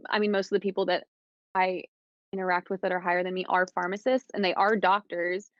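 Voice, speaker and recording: A young woman from the Midwest, a podcast guest chatting casually, full of fillers and animated retellings. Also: lowish voice, fairly quick, no echo. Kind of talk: casual chat. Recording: dull lo-fi sound, dry.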